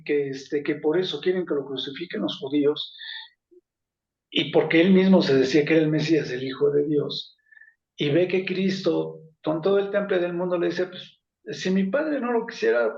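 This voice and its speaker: A man's voice: a little high, creaky, a little mellow. A man teaching an informal Bible study, talking conversationally with many fillers and self-corrections. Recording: echoey room, muffled lo-fi sound.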